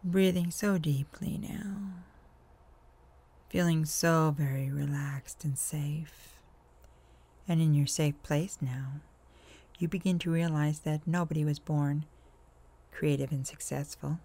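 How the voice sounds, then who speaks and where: A man with a gravelly, creaky edge to his voice leads a hypnosis session at a very unhurried pace. His phrasing is soothing and drawn out, and it often sinks into a soft, breathy whisper. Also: on the high side, fairly even intonation. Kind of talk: guided hypnosis script.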